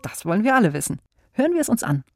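A woman's voice: mid-range voice, very animated, racing, dry recording. A woman hosting a children's mystery show, encouraging the listeners and asking them questions, close to a studio mic. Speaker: host. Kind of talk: quiz host addressing children.

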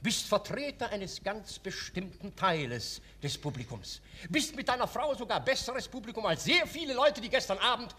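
A pompous, forceful playwright. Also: male voice, high voice, big pitch swings, normal speed, husky, full character voice. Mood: arguing. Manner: pompous, insistent, theatrical declaiming. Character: vain, persuasive playwright reading out his play.

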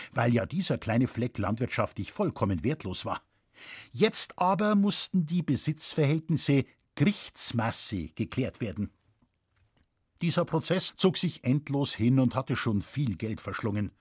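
A man's voice: medium pitch, breathy edge, no room sound, studio quality. A man reading a humorous rural tale aloud as an audiobook narrator, telling it expressively. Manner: expressive storytelling. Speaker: audiobook reader. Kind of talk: scripted narration.

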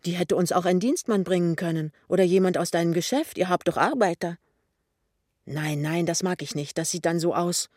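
Man doing an anxious hasty young husband, hurried and worried. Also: sits high, a little mellow, dry recording, clean studio sound.

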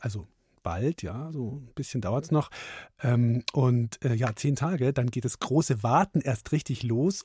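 A man's voice: mid-range voice, darkish tone, breathy edge, no echo, clean studio sound. A man hosting a children's radio podcast, chatting directly to young listeners. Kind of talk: casual friendly presenting for children.

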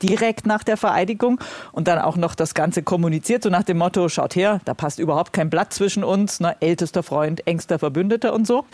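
A woman's voice: lowish voice, a little mellow, dry recording. Colloquial female correspondent, very dry sound. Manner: colloquial and opinionated. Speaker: news correspondent. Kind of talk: spontaneous interview answers.

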